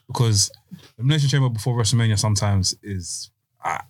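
A man's voice: lowish voice, fast talker, no room sound, clean studio sound. A man with a London roadman accent hosting a casual podcast chat, slangy and often repeating his phrases. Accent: London roadman, multicultural London English. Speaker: podcast host.

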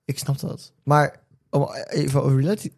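A woman's voice: extremely low pitch, steady tone, moderate pace, vocal fry, darkish tone. A woman co-hosting a casual chat podcast, mostly giving short reactive replies and laughing along. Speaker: podcast co-host.

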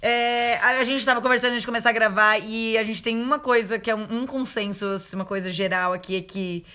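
Woman, 30s, podcast co-host, casual chat, bright tone, rambling restarts. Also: fairly high pitch, fairly even intonation, fast. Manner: chatty, trailing restarts, laughs often.

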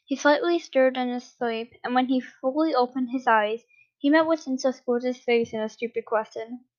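A woman's voice: sits high, moderate pace, a little mellow. A woman reading a fan story aloud in a casual, unpolished way, with the odd slip and restart. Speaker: story reader. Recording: dull lo-fi recording.

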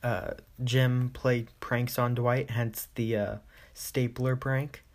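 A man's voice: mid-range voice, little pitch movement, slow. A man hosting a podcast, giving a casual, chatty recap of an episode with many "uh" fillers. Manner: chatty, loose, with frequent "uh" fillers. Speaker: podcast host.

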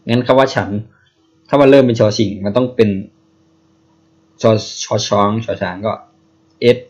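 A man's voice: mid-range voice, moderate pace, a little mellow, muffled recording. A man casually explaining something to a co-host, playfully sounding out syllables one by one.

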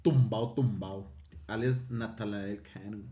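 A man's voice: medium pitch, a little fast. A man in his twenties with a Mexican accent, chatting casually and laughing on a podcast with friends. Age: 20s. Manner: slangy, laughing, talks over others. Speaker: podcast co-host. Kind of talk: casual chat.

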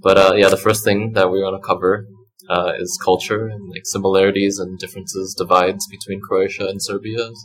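A man's voice: low voice, flat delivery, brisk, fairly bright tone, rough recording. A young man hosting a podcast, chatting casually in a rambling, laid-back way. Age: young adult. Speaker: podcast host, student.

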